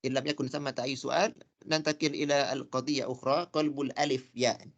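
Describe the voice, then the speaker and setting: A man teaching Arabic grammar in a lecture. He talks haltingly, with many fillers, and repeats words slowly. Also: mid-range voice, level tone. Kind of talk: classroom lecture.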